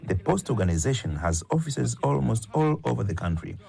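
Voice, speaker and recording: A man's voice: mid-range voice, big pitch swings, a little fast, gravelly, warm tone, breathy edge. A man giving a statement in an interview as a regional manager. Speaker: post office regional manager.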